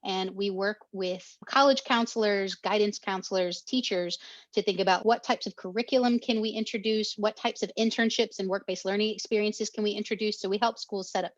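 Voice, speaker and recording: A woman's voice: medium pitch, steady tone, a little fast, no room sound. Woman with a dull, dry sound. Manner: passionate, direct. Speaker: guest, high school redesign coach. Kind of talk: podcast interview.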